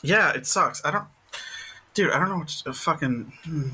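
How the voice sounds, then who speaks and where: A man's voice: fairly high pitch, lively intonation, moderate pace, sharp tone, slightly rough. A man co-hosting a podcast in casual chat, flustered and swearing, his voice clipping and distorted through a mic with a voice modifier left on. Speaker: podcast co-host.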